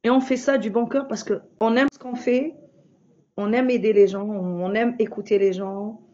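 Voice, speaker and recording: Speaking French as a non-native with a foreign accent, this member of an online group shares heartfelt, casual thoughts while groping for words. She has a fairly high, darkish voice with fairly even intonation at a normal speed, captured in a muffled recording.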